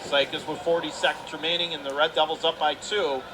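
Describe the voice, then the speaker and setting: This live radio sports commentary has a man doing ice hockey play-by-play from the arena in a fairly high, brisk voice with little pitch movement. The arena noise behind him is clear.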